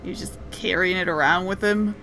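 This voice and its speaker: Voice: medium pitch, normal speed, sharp tone. A co-commentator on a video game, joking, teasing and laughing often. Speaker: let's play co-commentator. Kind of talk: casual gaming commentary.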